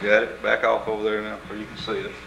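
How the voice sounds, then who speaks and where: A man's voice: on the low side, completely flat delivery, fast talker, creaky, background noise. A man, chatting casually and explaining things step by step, heard through old camcorder audio. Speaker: family member filming home movies. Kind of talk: casual home video chatter. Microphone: built-in camcorder mic.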